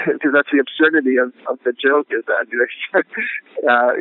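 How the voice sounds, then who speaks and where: A man's voice: medium pitch, no room sound. Man on a tinny phone-like line. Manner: halting, reflective, many restarts. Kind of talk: casual conversation, telling a joke.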